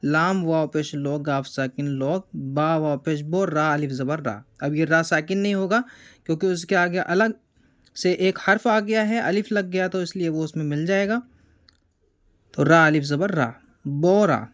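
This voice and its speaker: Man slowly spelling out Urdu words. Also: a little high, fairly even intonation, a bit bright. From India. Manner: slow, deliberate letter-by-letter spelling, drawn-out words. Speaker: Urdu reading teacher. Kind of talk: spelling-out reading lesson.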